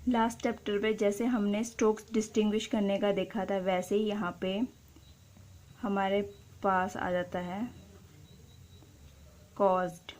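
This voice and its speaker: A woman teaching a shorthand class as a voice-over. She explains each step patiently and repeats the example words slowly. Her pitch sits in an ordinary middle range. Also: level tone, darkish tone.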